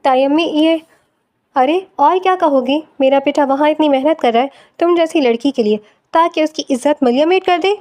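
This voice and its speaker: A woman voicing a stern, angry middle-aged aunt who scolds with sharp questions. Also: high voice, lightly acted. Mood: scolding.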